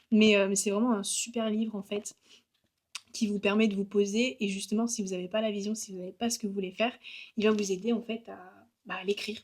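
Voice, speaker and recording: A woman's voice: mid-range voice, level tone, fairly quick, darkish tone. A young woman talking casually to camera in a vlog, chatty and upbeat, with many fillers and small self-mocking asides. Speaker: vlogger and graphic designer.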